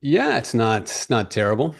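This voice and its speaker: A man in his forties from Peru, a guest on a podcast interview, telling his background in a measured, explanatory way. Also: medium pitch, wildly swooping pitch, vocal fry, no echo, studio quality.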